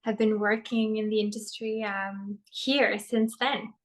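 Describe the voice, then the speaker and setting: A Norwegian actress gives casual answers as an interview guest in a medium-pitched female voice. Her tone is flat, and she's thoughtful and measured, with frequent ums.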